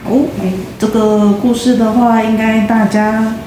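A woman retells a folk tale in a mellow, relaxed voice, pausing often on filler words. She sounds like she is in a very echoey room, and faint ambient noise sits under her voice. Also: fairly high pitch. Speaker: co-host explaining a folk tale. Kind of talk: storytelling explanation.

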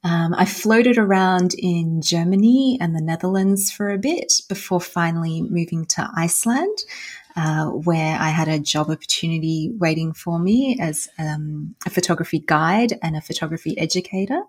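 A woman from Australia, a podcast guest talking in a soft-spoken, thoughtful way. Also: lowish voice, normal speed, slightly rough. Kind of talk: casual interview.

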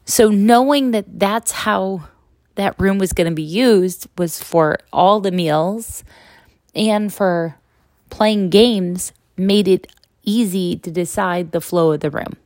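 In a slow, darkish mid-range voice, a middle-aged woman talks through a casual podcast monologue, candid and conversational, often asking "right?" She's recording outside a proper studio on a makeshift setup, and there's no echo.

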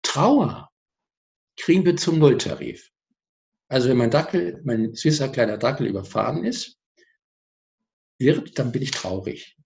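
A man, a speaker on personal growth, explaining his ideas as a guest in a TV interview, lively and full of examples. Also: medium pitch, measured pace, vocal fry, pauses often.

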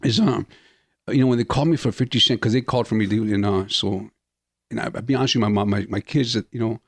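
A man's voice: lowish voice, fast, vocal fry, husky, no room sound. A man in his fifties, an actor talking casually in an interview, full of laid-back slang and "you know". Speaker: actor guest.

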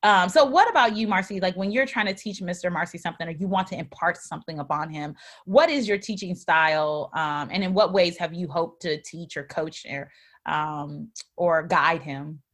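A woman co-hosting a podcast in casual conversation, rambling with frequent fillers and restarts, and getting animated and expressive when she tells a story. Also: on the low side, moderate pace.

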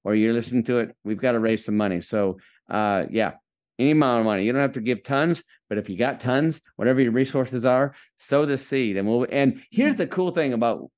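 A man's voice: mid-range voice, brisk, a little mellow. A man hosting a faith-based podcast interview, enthusiastic and preacher-like as he encourages his listeners. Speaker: podcast host.

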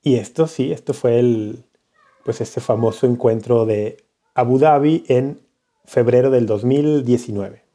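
Deep dark-voiced man explaining with wry humor. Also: a little slow. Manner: explanatory, wry and playfully teasing. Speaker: podcast co-host. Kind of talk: casual conversational podcast.

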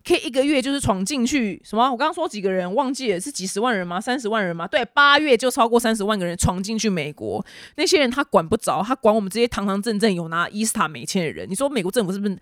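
A woman's voice: medium pitch, animated, quick pace, dry recording, clean studio sound. A woman hosting a casual news podcast, chatty and exasperated, ranting with sarcastic asides. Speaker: podcast host.

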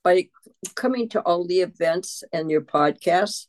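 A woman guesting on a podcast as a mother, speaking in a warm, affectionate, encouraging way. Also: lowish voice, a little slow, low-quality recording. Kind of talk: casual podcast interview.

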